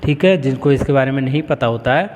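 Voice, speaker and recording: A man teaches in a slow, deliberate way, spelling words out one by one and tagging points with a quick "okay." His voice sits at an ordinary middle pitch. A long reverb trails after each phrase. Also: a little mellow. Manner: slow, deliberate word-by-word explanation with frequent "ठीक है". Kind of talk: spoken lesson.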